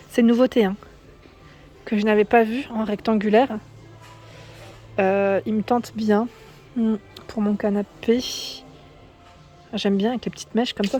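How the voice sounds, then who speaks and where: A woman's voice: on the high side, mellow. A woman vlogging casually as she walks through a shop, chatting and asking viewers what they think. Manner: chatty, asks viewers for opinions. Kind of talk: casual store walkthrough vlog. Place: inside a shop.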